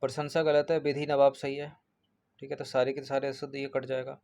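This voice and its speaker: A man's voice: mid-range voice, level tone, a little fast, a little mellow. A man working through an exam paper as a teacher, going point by point, repeating each answer and checking in with his students.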